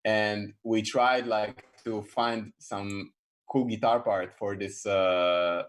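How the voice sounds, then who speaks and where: A man in a band, relaxed and drawling, chatting casually on a video call. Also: fairly low pitch, takes it slowly. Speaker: band member.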